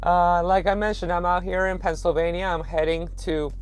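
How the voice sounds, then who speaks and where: Hoarse, raspy man vlogging. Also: sits high, flat delivery, moderate pace. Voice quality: raspy, strained from lost voice. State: hoarse, voice nearly gone. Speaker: trucker vlogger. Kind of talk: casual vlog talk to viewers. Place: truck stop rest area, then inside truck cab.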